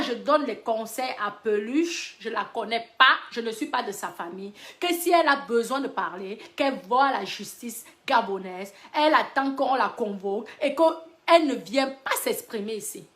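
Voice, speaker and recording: A woman hosting a live stream, scolding and emphatic, repeating her points in heated commentary. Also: high-pitched. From Central Africa.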